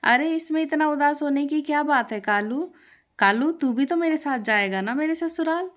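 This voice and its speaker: A woman's voice: on the high side, unhurried, pitched above the performer's own voice, natural voice. Woman playing a cheerful young bride. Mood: fond. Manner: affectionate, coaxing. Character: cheerful young bride, fond of her parrot.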